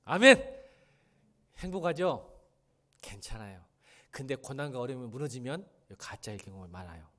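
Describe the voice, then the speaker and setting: A male pastor preaching a sermon in a church, pleading loudly at times and dropping to soft, confiding asides. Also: mid-range voice, very animated, moderate pace, pauses often. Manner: emotional preaching, swinging between loud pleas and soft confiding asides. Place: church sanctuary.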